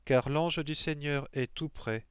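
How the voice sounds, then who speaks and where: A man's voice: a little high, a little slow, clean tone, no echo, studio quality, lightly acted. A man reading the words of a bold young boy prophet, in a stern, rebuking way.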